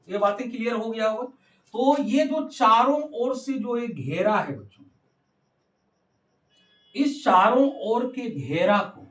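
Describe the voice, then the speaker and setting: A male math teacher explaining a geometry lesson to children, repeating points and calling on the kids again and again, with a Hindi accent. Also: high voice. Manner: repetitive, addresses the kids constantly. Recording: roomy, from a distance.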